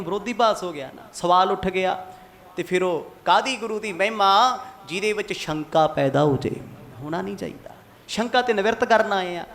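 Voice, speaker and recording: A high-pitched man preaching a Sikh katha sermon to a congregation. He is from Mohali in Punjab. He keeps putting pointed questions to his listeners and slips into the voices of the people he quotes. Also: fairly bright tone. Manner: asks the congregation rhetorical questions and acts out quoted speech.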